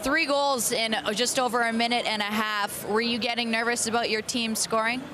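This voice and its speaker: A woman conducts a post-game sports interview in a high voice that stays very even. A loud crowd is heard behind her. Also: moderate pace. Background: arena crowd.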